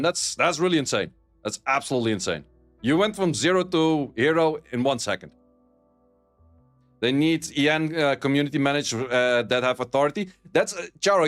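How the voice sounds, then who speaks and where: A Dutch streamer and esports caster from the Netherlands reads viewer messages during casual live-stream chat, blunt, sweary, and laughing often. His Dutch-accented voice sits on the high side with a slightly bright quality.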